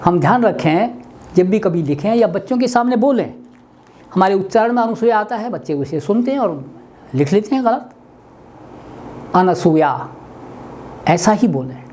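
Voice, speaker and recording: An older man from India giving a weekly webinar lesson on language, speaking deliberately and spelling out words. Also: sits high, expressive, a little mellow. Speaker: Hindi language teacher. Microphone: webinar computer mic.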